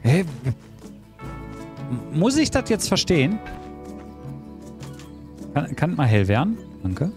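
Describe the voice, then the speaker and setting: A man's voice: a little high, wildly swooping pitch, slow pace, long pauses, over music. A man giving casual gameplay commentary, talking to himself in a puzzled, joking way. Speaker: let's play commentator.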